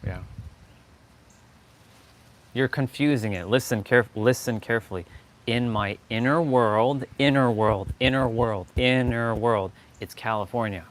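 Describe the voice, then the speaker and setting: This is a man from Toronto, Canada, with a medium pitch and a measured pace. In his Canadian accent he gives a spontaneous, insistent pep talk on a livestream, repeating phrases for stress, while clearly noisy outdoor ambience fills the recording.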